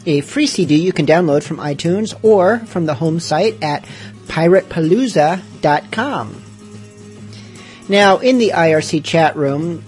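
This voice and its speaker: A male podcast host talks casually and drifts into rambling, self-mocking asides. His voice sits slightly high for a man. Faint music plays under part of the talk. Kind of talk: casual radio-show chat.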